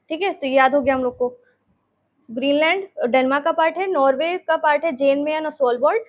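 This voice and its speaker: A woman's voice: high-pitched, narrow, tinny audio. A woman teacher explaining a map lesson, repeating names and checking in with her students.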